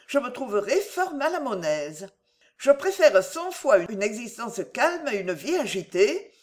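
A sincere young woman of quiet dignity speaks in a raised, lively voice, as a woman reader puts her on. Her answers come earnest and firm, never harsh, in an audiobook reading. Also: fairly high pitch, voice pushed up. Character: gentle, sincere young woman who loves calm.

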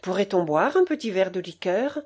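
A woman's voice: medium pitch, animated, normal speed, a little mellow, husky. A woman reading aloud voices a young soldier who has returned home in secret, speaking with restraint. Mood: restrained.

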